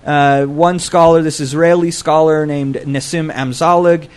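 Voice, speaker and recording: A man's voice: fairly high pitch, fairly even intonation, measured pace, a little mellow, clear, resonant tone. A man co-hosting a podcast, explaining scripture in a casual, scholarly way and thinking aloud as he goes. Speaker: podcast co-host discussing scripture.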